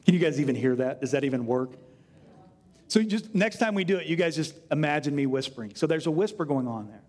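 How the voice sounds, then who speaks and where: A man with a high, bright voice delivers a sermon, animated and joking as he retells the story. He often drops suddenly to a hushed voice for effect. His voice rings out in a hall with long reverb. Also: fast. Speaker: pastor.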